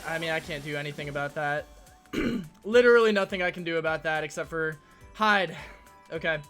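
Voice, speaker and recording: A young man giving live commentary on his own game, ranting and yelling at his teammates, his voice strained from getting sick. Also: sits high. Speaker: gaming YouTuber.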